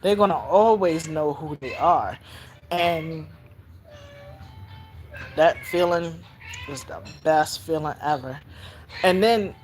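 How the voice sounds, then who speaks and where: An older woman, telling stories about raising her granddaughter in a casual, animated way, jumping into high squeals when she acts out voices. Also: slow pace, long pauses, faint music behind. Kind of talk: casual storytelling vlog.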